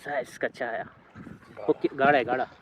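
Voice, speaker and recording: A man's voice: mid-range voice, fairly even intonation, moderate pace. A man giving casual, upbeat commentary while fishing on a boat, constantly praising the catch. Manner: upbeat, keeps exclaiming praise over the catch. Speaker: fishing vlogger. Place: on a fishing boat at sea, outdoors. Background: loud wind and boat engine.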